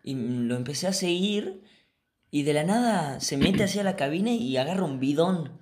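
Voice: mid-range voice, lively intonation, moderate pace, darkish tone. A co-host chatting casually and teasing, laughing while talking. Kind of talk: casual chat.

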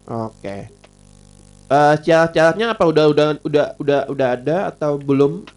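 A man's voice: a little high, moderate pace, a little mellow, soft background music. A man with an Indonesian accent and a slight self-described lisp, hosting an informal live stream and often repeating his phrases. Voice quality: self-described slurred R and L speech. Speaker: live stream host and podcaster. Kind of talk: casual live stream chat.

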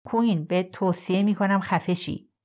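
A woman's voice: on the low side, natural voice. A woman reading an audiobook, voicing a nervous, irritable male defense lawyer scolding his client. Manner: sharp, scolding.

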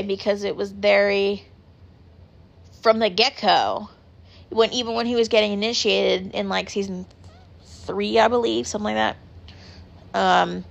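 A woman talks in a loose, rambling way, packing her sentences with filler words and the odd swear. Her voice has a gravelly, creaky edge that sits at a middling pitch for a woman. She sounds like a podcast host in a casual chat.

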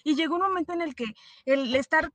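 A woman's voice: high-pitched, brisk, no echo. A young Mexican woman telling a personal story in casual chat, acting out what people said. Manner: animated storyteller, acts out dialogue.

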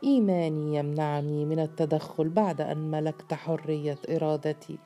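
A calm, gentle male genie in an audiobook tale, as a woman reading puts him on. The voice sits low and mellow and speaks with quiet kindness. Soft music plays faintly underneath. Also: brisk, lightly acted.

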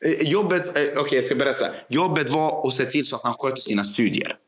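A man recounting a story in casual chat. He acts out each voice and hesitates with fillers, his pitch sitting in the middle. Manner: animated, acts out dialogue, frequent fillers. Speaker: podcast guest telling a school story.

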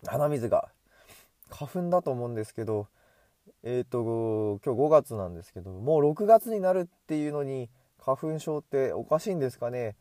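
A man with a mellow, warm tone rambles in a loose, self-amused monologue as he walks along a street. His nose runs from hay fever. He speaks into an earbud mic, and the sound is close and dry. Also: medium pitch, expressive, normal speed, no room sound. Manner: chatty and self-amused, talks to himself. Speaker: solo podcaster. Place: outdoors on a street, walking. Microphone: earbud headset mic.

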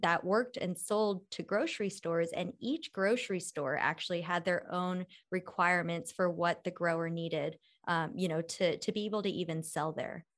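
A woman's voice: on the low side, fairly even intonation, moderate pace, hardly any pauses. Woman podcast co-host, casual chat with plenty of fillers, easygoing delivery. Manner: conversational, many fillers.

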